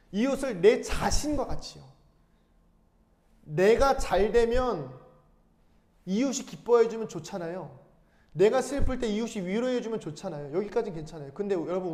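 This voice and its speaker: A male pastor preaching a sermon, asking the congregation questions and answering them himself, and reading scripture aloud slowly. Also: high voice, mellow. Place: church sanctuary. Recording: long hall reverb.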